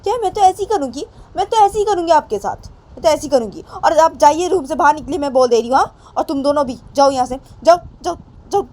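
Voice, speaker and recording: A woman's voice: sits high, a little fast, darkish tone, natural voice. A woman voicing a stern, angry mother who scolds her daughter, repeating her questions. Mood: defiant.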